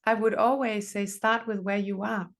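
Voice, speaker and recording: A woman's voice: mid-range voice, little pitch movement, moderate pace. A middle-aged woman therapist, giving earnest advice in conversation and repeating phrases for emphasis. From Denmark. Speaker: relationship therapist, podcast guest.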